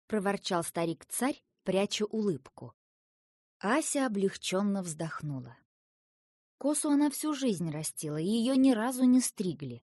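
A woman narrating a children's story as an audiobook, with expressive storytelling. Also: fairly low pitch, no room sound, studio quality.

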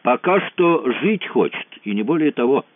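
Brash sarcastic lieutenant colonel, voiced by a man reading a thriller audiobook, slangy, pitched up, tinny phone-like audio. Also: animated, dry recording, lightly acted. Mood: sardonic briefing. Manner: slangy, mocking, brisk. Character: brash sardonic male lieutenant colonel, soldier. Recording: tinny phone-like dry sound.

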